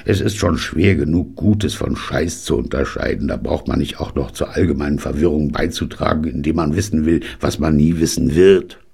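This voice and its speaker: A man's voice: a bass voice, normal speed, hardly any pauses, darkish tone, heavily acted. A man reading an audiobook and voicing a cantankerous, scornful 99-year-old grandfather. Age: older. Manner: gruff, scornful, blustering.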